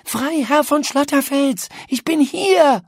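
A man's voice: expressive, measured pace, slightly rough, no echo, studio quality, exaggerated voice. A man voicing a bold young girl who calls out urgently in a raised voice. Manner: urgent high calling.

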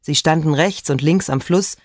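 A storyteller reads a children's tale with lively, expressive delivery, slowing down now and then to let a moment land. The voice sits at an ordinary middle pitch. The recording is close and very dry, with no room sound at all. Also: no echo. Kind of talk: scripted children's story narration.

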